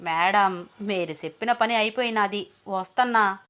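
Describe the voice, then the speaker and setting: A woman's voice: medium pitch, measured pace, fairly bright tone, lightly acted. A woman voicing a crude, threatening male rowdy in a storybook reading, with coarse, bullying speech. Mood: curt. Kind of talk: storybook character voice.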